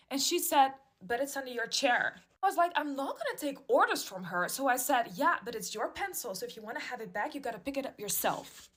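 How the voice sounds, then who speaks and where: A young woman telling a get-ready-with-me storytime, acting out the voices of the people in it. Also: high-pitched. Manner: lively storytelling, acts out voices.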